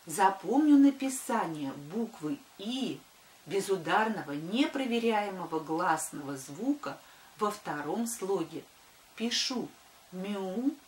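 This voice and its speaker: An older woman, a primary school teacher dictating to children deliberately and sounding out words by syllable. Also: medium pitch, expressive, a little mellow, slight background noise. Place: small wood-panelled room indoors. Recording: echoey room.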